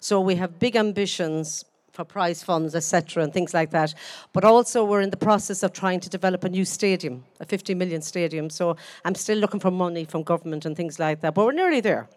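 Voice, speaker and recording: A woman's voice: lowish voice, fairly even intonation, fairly quick, hardly any pauses, darkish tone, no room sound. West of Ireland woman, dry close sound. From Galway, west of Ireland. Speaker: chief executive of a horse show, interviewee. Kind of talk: live on-stage interview.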